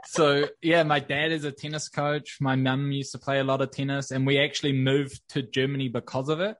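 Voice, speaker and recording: A young man from New Zealand with a New Zealand accent, chatting casually as a podcast guest in a relaxed, rambling way. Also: medium pitch, fairly quick, no echo. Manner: relaxed, rambling with many fillers. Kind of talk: casual interview.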